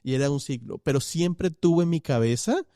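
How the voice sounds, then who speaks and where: A man hosting a podcast interview, chatting in a relaxed way and sharing personal anecdotes. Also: on the high side, normal speed, no echo, studio quality. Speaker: podcast host. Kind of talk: conversational interview.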